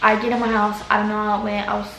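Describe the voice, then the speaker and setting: A woman's voice: medium pitch, monotone, fast, a bit bright. A teenage girl telling a story in a casual, dramatic way, full of slang. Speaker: vlogger. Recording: echoey room, faint background hiss.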